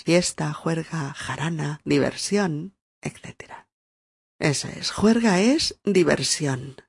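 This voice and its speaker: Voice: mid-range voice, creaky, husky, no room sound. A teacher, giving a podcast language lesson, spelling words out letter by letter and laughing often. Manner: acts out example phrases with lively shifts in tone. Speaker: Spanish teacher.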